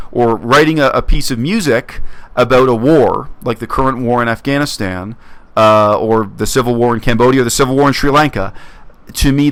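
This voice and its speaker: A man from Canada talking earnestly to his viewers in a casual monologue, reflective and halting, often restarting his phrases. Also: medium pitch, fairly bright tone, no room sound. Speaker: YouTube commentator.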